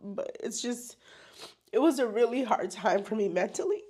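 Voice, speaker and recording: A young adult woman vlogger telling a personal story to camera, emotional and halting, with many fillers. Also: on the high side, animated, mellow.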